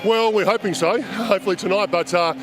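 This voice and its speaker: A man's voice: high-pitched, brisk. A man with an Australian accent, a player giving an informal, matter-of-fact interview with hesitant phrasing. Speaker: basketball player in half-time interview. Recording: music behind, courtside broadcast sound.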